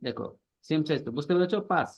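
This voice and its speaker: A man's voice: fairly high pitch, very fast. A male language teacher explaining pronunciation in an online class, patiently repeating points and checking that students follow.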